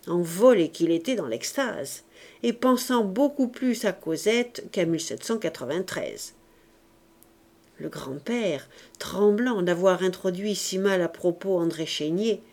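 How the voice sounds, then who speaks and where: Slow, mellow woman narrating a novel. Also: on the low side. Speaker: audiobook reader.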